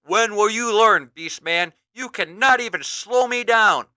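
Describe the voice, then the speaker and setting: He-Man, a man doing a booming noble hero. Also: measured pace, sharp tone, smooth, dry recording. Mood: heroic. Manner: grand declaiming heroic speech. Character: heroic mighty male warrior, noble and bold.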